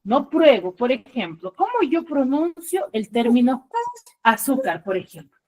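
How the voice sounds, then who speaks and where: A woman's voice: high voice, big pitch swings, moderate pace, warm tone. A woman teacher giving an online class over a video call, often checking in with short questions to her pupils.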